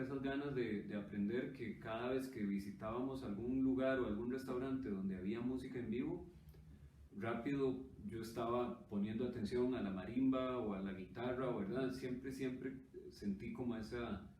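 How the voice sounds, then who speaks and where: A Costa Rican man talks about music in a thoughtful, mellow voice. He often checks in with his listener as he explains. The sound is roomy and distant, with faint noise behind it. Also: medium pitch. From Costa Rica. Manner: thoughtful, often adds "¿verdad?". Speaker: musician guest. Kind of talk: conversational interview.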